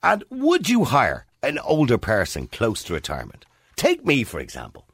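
A man's voice: medium pitch, wildly swooping pitch, normal speed, breathy edge, no echo. A man in his fifties with an Irish accent, hosting a talk radio show and putting questions to listeners in a chatty, opinionated way. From Ireland. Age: 50s.

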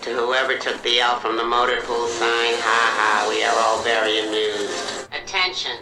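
A woman playing a camp loudspeaker announcer, reading notices in a flat, deadpan way over an echoey loudspeaker. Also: rumbling low, normal speed, over music. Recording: echoey loudspeaker, dish clatter behind. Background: clattering dishes and cutlery.

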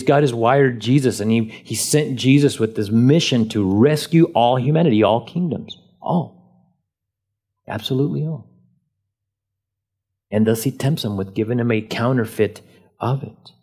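A man's voice: medium pitch, moderate pace, dark tone, slightly rough. A man preaching a sermon as pastor, leaning on key words and asking rhetorical questions.

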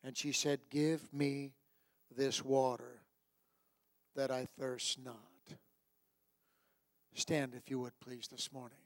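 Man preaching, swinging from hushed to shouting. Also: mid-range voice, level tone, slow, pauses often, dry recording. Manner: exhorting, repeats phrases for emphasis. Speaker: pastor preaching to a church congregation. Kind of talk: sermon with altar call.

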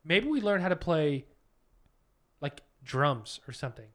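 A man's voice: a little high, sing-song, unhurried. A man co-hosting a casual podcast with his partner, rambling and joking about himself. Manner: rambling, self-deprecating, jokey. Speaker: podcast co-host. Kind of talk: casual couple chat.

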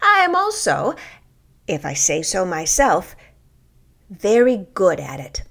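Expressive, slow-paced woman narrating a personal essay. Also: fairly low pitch, creaky, husky. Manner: deliberate, expressive storytelling with pauses.

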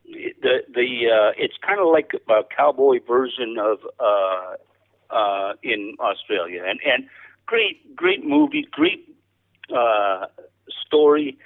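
A man chatting casually as an interview guest, a cowboy poet with a halting, rambling, folksy storytelling manner. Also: medium pitch, big pitch swings, creaky. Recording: thin band-limited radio or phone-like sound.

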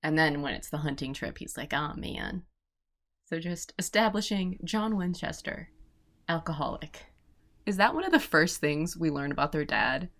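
A woman co-hosting a podcast with a fairly low voice. She talks casually, asks curious questions and laughs often. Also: expressive, normal speed, creaky, a bit bright. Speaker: podcast co-host. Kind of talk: casual chat recapping a TV episode.

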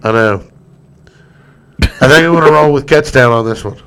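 A man hosts a casual sports podcast in an even, mid-pitched voice. He keeps the segment moving as he lists standings and games. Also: moderate pace, clear, resonant tone. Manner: steady, moves the segment along. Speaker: podcast host running the picks segment.

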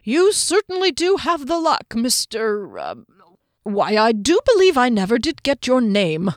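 A genteel, tipsy halfling gentleman who rambles on in fussy, overly polite phrases, as a woman puts him on. The voice rides noticeably higher than the reader's own, and the sound is dry and close. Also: wildly swooping pitch, measured pace, no echo. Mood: genial rambling.

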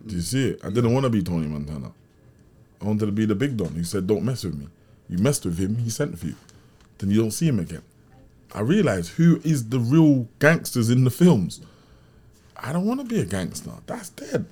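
Low-ish with big pitch swings, his warm, slightly rough voice moves a little fast. Hailing from Brixton in south London, this man is an interview guest telling casual stories in a South London accent, using street slang and repeatedly making sure he's understood.

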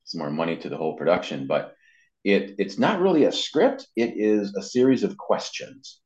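A voice actor and web designer, guesting in an informal, rambling interview, shares stories about what he does. His voice sits low and a little mellow, swooping wildly in pitch while keeping a normal speed. The recording is dull, roomy and lo-fi.

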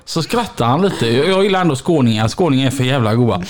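A man co-hosting a podcast, chatting casually and telling animated anecdotes with frequent laughter. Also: medium pitch. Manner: animated storyteller, laughs often. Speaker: podcast co-host.

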